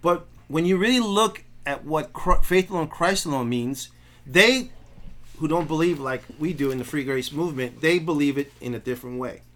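A man's voice: fairly high pitch, normal speed, a bit bright. A man, a pastor co-hosting a podcast, talking through theology in an earnest, casual way with frequent restarts. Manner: earnest, restarts often, affirms the other.

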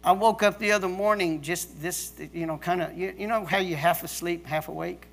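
A middle-aged man preaching a sermon as pastor, emphatic, with pauses and restarts. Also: sits high, fairly even intonation, vocal fry, a bit bright.

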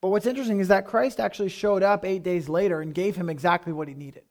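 Man, pastor, sermon, high voice, conversational preaching, firm emphasis. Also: steady tone, fast, darkish tone.

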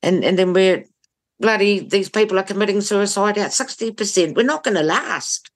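A woman's voice: mid-range voice, moderate pace. A woman with a New Zealand accent giving blunt, emphatic opinions in conversation, repeating phrases for stress. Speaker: interview guest.

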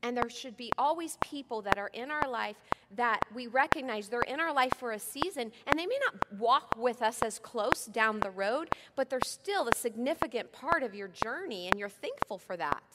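A woman's voice: fairly high pitch, lively intonation, normal speed, few pauses. Woman preaching in a reverberant church hall. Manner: earnest, conversational preaching with rhetorical questions. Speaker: pastor. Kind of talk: sermon. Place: church sanctuary. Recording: long hall reverb, loud background noise.

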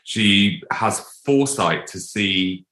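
A man's voice: on the low side, takes it slowly, bright, forceful tone, echoey room. A man hosting a casual interview, rambling and upbeat as he tells anecdotes and cheers on his guest. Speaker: podcast host interviewing a hairstylist.

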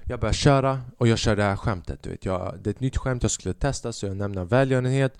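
A man's voice: fairly low pitch, clean tone, no echo, studio quality. A young man, a podcast host and stand-up comedian, telling a rambling, profane story in a casual monologue.

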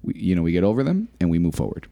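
Racing along in a low-pitched, creaky voice with a warm tone, a very animated middle-aged man co-hosts a casual podcast. His talk is earnest and motivational, with phrases repeated for emphasis.

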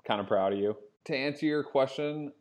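A man's voice: medium pitch, a little fast. Easygoing male podcast co-host. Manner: upbeat, teasing, then reflective. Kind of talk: casual podcast chat.

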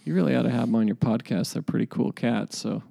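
A man hosts a podcast casually and ramblingly, using informal buddy slang and musing in a hesitant way. He talks fast, with a medium-pitched, mellow voice and vocal fry.

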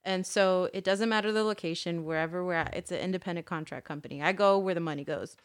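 A woman's voice: lowish voice, fast talker, smooth. A woman co-hosting a casual podcast, telling stories with lots of swearing and frequent laughter. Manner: profane, storytelling, laughs often. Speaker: podcast co-host.

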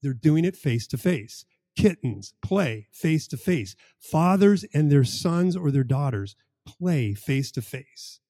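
A man's voice: on the high side, lively intonation, takes it slowly, hardly any pauses, dark tone, no echo, studio quality. A man co-hosting a podcast conversation, making his points emphatically and repeating key phrases for stress. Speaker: podcast co-host.

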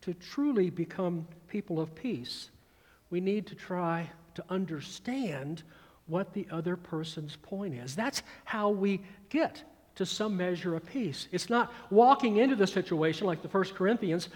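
A man's voice: high-pitched, lively intonation, unhurried, darkish tone, long reverb tail. A man in his sixties with a Georgia accent, preaching a sermon with emphatic repetition and recited verse. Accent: Georgia Southern. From American South. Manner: emphatic, repeats phrases, recites verse with swelling volume. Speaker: pastor.

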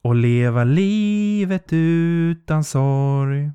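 This is a haunting, ghostly singing voice, put on by a man reading a horror story. It stretches every word slowly and rises higher than his normal speech. It sounds distant and unsettling, set against a dry, close recording. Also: a little mellow, smooth, dry recording, lightly acted. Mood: eerie. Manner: slow, drawn-out singing.

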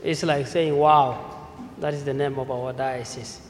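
A male priest from South Sudan giving a measured mission appeal sermon in a church, listing needs one by one. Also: medium pitch, fairly even intonation, a little hiss or hum. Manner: slow, measured delivery with listed phrases. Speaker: visiting priest. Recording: echoey church with long reverb.

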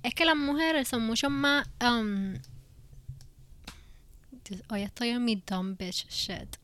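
Bright, crisp woman speaking casual Spanglish. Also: on the high side, expressive, takes it slowly. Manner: Spanglish, switching between Spanish and English; emphatic, slangy and profane. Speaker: podcast co-host. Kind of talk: casual podcast chat.

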